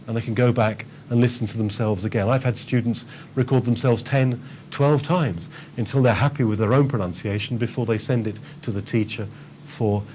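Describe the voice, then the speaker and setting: A man's voice: on the low side, a little mellow, a little hiss or hum. A man training teachers in a webinar presentation, enthusiastic and chatty, with frequent ums and repeated words. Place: online webinar.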